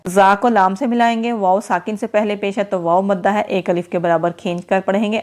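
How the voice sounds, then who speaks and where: A woman teaching recitation in a patient step-by-step lesson. She explains each rule in measured everyday speech. She stops often to chant the verse slowly and stretch out its sounds. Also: medium pitch, darkish tone.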